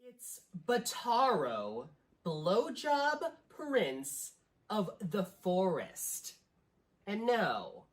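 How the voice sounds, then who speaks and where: A catty, indignant forest vampire prince, acted out by a woman in a tabletop game. The delivery is slow and theatrical, swinging widely in pitch with haughty disdain. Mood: haughty, disapproving.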